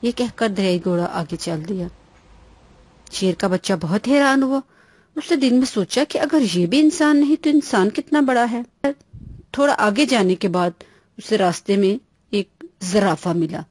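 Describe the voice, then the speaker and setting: A woman narrating a children's bedtime story in a plain, even-paced reading voice. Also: mid-range voice, no echo, studio quality.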